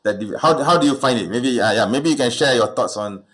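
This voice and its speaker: A man's voice: mid-range voice, brisk, fairly bright tone, breathy edge. A man hosting a livestream Q&A, talking casually with many fillers and restarts. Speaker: livestream host.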